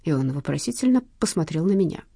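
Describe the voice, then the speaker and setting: A woman reading a first-person story aloud, with an expressive, animated delivery. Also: sits low, fast talker, vocal fry, breathy edge, no room sound, studio quality. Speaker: audiobook reader.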